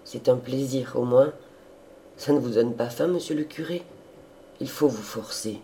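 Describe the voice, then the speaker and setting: A man voicing a gruff, bossy old female servant with a loud, scolding manner. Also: mid-range voice, a little slow, a little hiss or hum, lightly acted.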